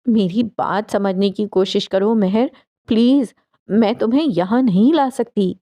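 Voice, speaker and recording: A woman's voice: medium pitch, dark tone, no echo, natural voice. A woman voicing a helpless mother pleading with her daughter.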